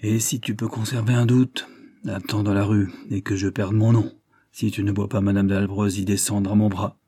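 A man reading the lines of a cynical older gentleman with a gray mustache in a cool, cutting, worldly-wise manner. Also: fairly low pitch, little pitch movement, moderate pace, breathy edge, dry recording. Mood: challenging. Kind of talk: audiobook character reading.

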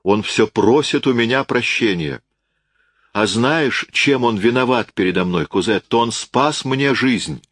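A man's voice: low voice, expressive, unhurried, dry recording. A man reading an audiobook, voicing an impassioned, insistent young man who speaks in emphatic exclamations. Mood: passionate.

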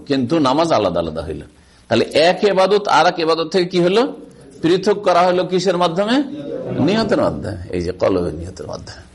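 A man's voice: fairly high pitch, slightly rough. A middle-aged man giving a religious lecture on hadith, explaining with rhetorical questions and reciting Arabic passages. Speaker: Islamic scholar teaching hadith.

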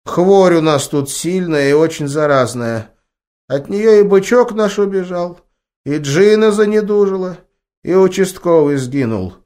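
A man's voice: sits high, a little mellow, pitched above the performer's own voice. A man voicing a stern old village healer woman, a grandmother who talks in fussy, commanding folk speech.

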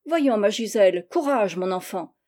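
A woman's voice: mid-range voice, expressive, normal speed, mellow, lightly acted. A woman reading a firm, outspoken aunt. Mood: firm lecturing. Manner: firm, lecturing, emphatic. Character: brisk, outspoken older aunt.

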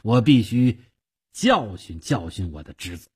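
A man voicing a shrewd, wealthy older uncle who talks in a measured, quietly persuasive way, with a husky voice. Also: fairly low pitch, very animated, full character voice. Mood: calm scheming.

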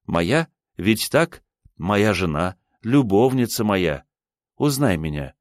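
A man's voice: on the low side, very animated, slow pace, no echo, clean studio sound. A male audiobook reader voicing a passionate, remorseful man who makes fervent, repeated vows to his beloved.

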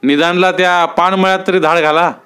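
A man's voice: high voice, fairly even intonation, a little fast, bright, forceful tone, clean tone, pitched above the performer's own voice. A man reading a story aloud, voicing Dajiba, a blunt, scheming village man with rustic speech.

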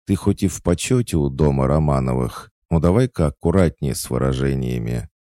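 A man's voice: extremely low pitch, animated, fairly quick, mellow, no room sound, studio quality, pitched above the performer's own voice. A man voicing an irritable older witch who scolds her daughter in an audiobook. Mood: scolding. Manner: scolding, indignant. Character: stern older witch mother, irritable and proud. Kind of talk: audiobook character voice.

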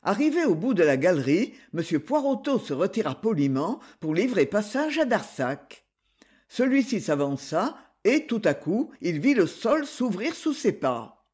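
Expressive male audiobook narrator. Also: high-pitched, breathy edge.

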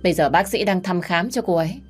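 A woman narrating a story gives voice to a brisk hospital nurse, firm and curt. Her tone stays low and warm, with faint music under the storybook reading. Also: slightly rough.

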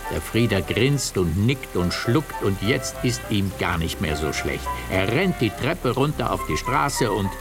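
Lively male children's story narrator. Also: on the low side, measured pace, few pauses, over music. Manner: expressive, storytelling.

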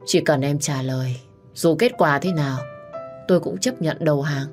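A heartbroken young gang boss, pleading and bitter, his lines a little raised in a romance audiobook, voiced by a woman reading the story. Soft music plays behind. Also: low-pitched, normal speed, natural voice. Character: anguished young male gang boss in love. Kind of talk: audiobook character voice.

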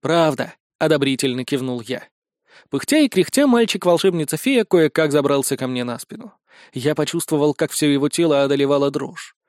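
A man narrating a first-person comic fantasy audiobook in an earnest, naive, even tone. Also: on the high side, brisk, no echo. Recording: dry close studio voice.

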